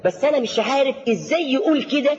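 A man with an Egyptian accent preaching a sermon. He mocks his opponents with shouted outbursts and asks rhetorical questions that leave the last word for the audience. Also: very high-pitched, animated, fast talker, slight background noise. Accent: Egyptian Arabic. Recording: dull lo-fi tape in a reverberant hall.

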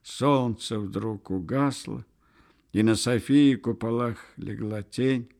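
A man narrating a literary audiobook in a measured, unhurried storytelling manner. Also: lowish voice, vocal fry, darkish tone.

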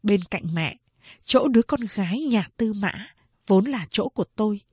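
A woman narrating a novel in a steady, measured storytelling voice. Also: mid-range voice, breathy edge, dry recording.

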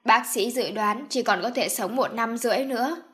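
A stubborn, scheming middle-aged mother who won't take no for an answer, read by a woman narrator. Her voice sits fairly high and comes across loud and commanding in this audiobook. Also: moderate pace, natural voice. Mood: insistent. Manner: insistent, commanding. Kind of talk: audiobook character voice.

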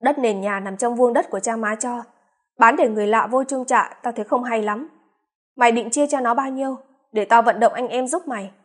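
Woman narrator voicing wise older eldest brother, slow and measured, husky tone. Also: very high voice. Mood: firm.

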